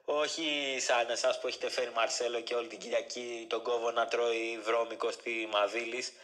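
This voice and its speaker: A man's voice: medium pitch, level tone, bright, forceful tone. A man with a mid-range voice calls in as a guest, chatting casually. He teases the host and boasts with a playful rival fan's swagger. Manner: teasing and boastful. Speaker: guest caller, rival fan. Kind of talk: casual chat.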